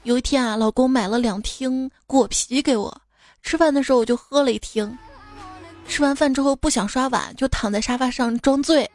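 A woman's voice: high voice, moderate pace, darkish tone. A woman podcast host reading jokes aloud in a playful storytelling way. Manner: playful storyteller, acts out quoted voices. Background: faint background music.

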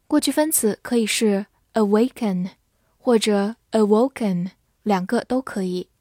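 Teaching English vocabulary, she spells words letter by letter and carefully reads example sentences at a slow pace for learners. Her voice is medium-pitched and a little mellow, in studio quality without echo.

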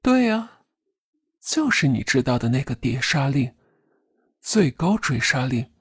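A woman's voice: extremely low pitch, big pitch swings, unhurried, breathy edge, dry recording, clean studio sound, heavily acted. A woman voicing a sinister clown puppet assassin with a distorted, eerie voice, taunting and giggling. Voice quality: distorted, eerie, ugly processed voice. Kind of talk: audiobook drama voice.

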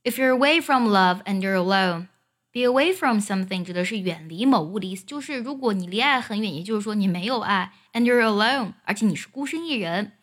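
A woman teaching an English song, explaining each line and singing it slowly as a demonstration. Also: mid-range voice, lively intonation, fairly bright tone, faint music behind. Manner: explains pronunciation, then sings demo phrases.

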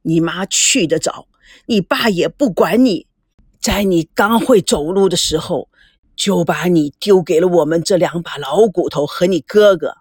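A stern old grandfather rules the family in this audiobook story, as a woman reads him aloud. His voice sits low and moves slowly, with a scolding weight. The recording is dry and close. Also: animated, slightly rough, dry recording, exaggerated voice. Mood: lecturing.

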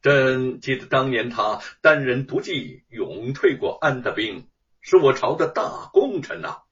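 A male storyteller voicing a calm, measured emperor with a lowered voice. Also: highs cut off, close to an everyday voice.

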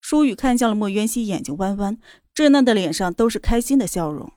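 A woman reading a romance novel aloud in a steady, even storytelling voice. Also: mid-range voice, a little fast, no room sound, clean studio sound. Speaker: narrator. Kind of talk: scripted novel narration.

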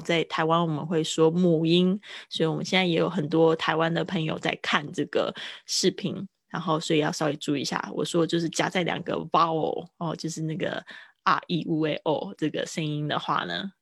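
A woman from Taiwan, teaching English pronunciation in a livestream lesson and repeating phrases slowly. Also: low voice, vocal fry, a bit bright, no room sound, clean studio sound.

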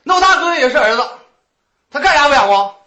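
Actor as crude stubborn Northeastern brother-in-law, lively bright voice, roomy stage. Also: male voice, very high voice, quick pace, exaggerated voice. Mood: defiant. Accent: Northeastern Mandarin. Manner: crude, taunting. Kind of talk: comic stage folk opera dialogue. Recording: echoey stage sound.

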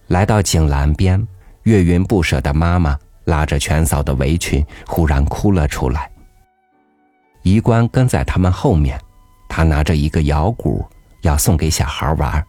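Very deep, slow male narrator. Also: no echo. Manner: calm, measured reading. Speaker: audiobook narrator. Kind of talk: scripted storybook narration. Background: soft background music.

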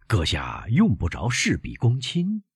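A man reading aloud, voicing an older male innkeeper who haggles and flatters his guests. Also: fairly low pitch, measured pace, gravelly, breathy edge, no echo, pitched above the performer's own voice, heavily acted. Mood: yielding.

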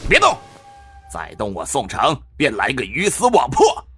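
A male storyteller voicing a cornered villain in a spoken martial-arts story, with a gravelly, husky voice and threats spat out in sharp bursts. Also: mid-range voice, huge pitch swings, normal speed, faint music behind, full character voice. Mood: threatening. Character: cornered villain man, snarling and desperate.

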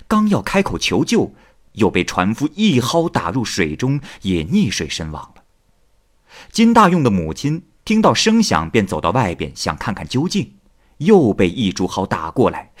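Man telling an old ghost story, husky low voice, swings up and down a lot. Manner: highly expressive, dramatic rise and fall. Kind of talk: storytelling of a classic ghost tale.

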